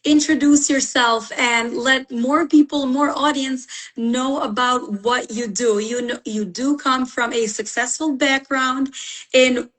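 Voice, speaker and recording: A woman hosts a live online business show over a video call. Her voice sits fairly high. She greets and introduces her guest with eager enthusiasm. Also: steady tone, slow, a bit bright, poor audio. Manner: welcoming, eager and upbeat. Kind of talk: live interview hosting.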